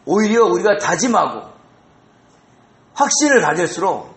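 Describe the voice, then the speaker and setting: A male pastor preaching an expository sermon in a church, animated and asking the congregation rhetorical questions. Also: high-pitched, a little slow. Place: church sanctuary. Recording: roomy echo.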